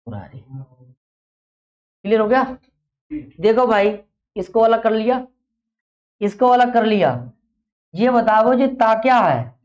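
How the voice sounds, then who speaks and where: This teacher's voice is high and a little mellow, swinging widely in pitch as he speaks slowly with frequent pauses. He runs a grammar lesson by quizzing the class with repeated questions, and the recording is dull and lo-fi.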